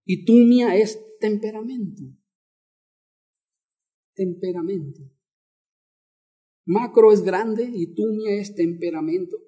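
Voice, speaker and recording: A man preaches a teaching sermon, stopping to repeat key words and put questions to the congregation. His voice sits high for a man yet sounds mellow and warm rather than bright. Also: slow pace, pauses often. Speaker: pastor.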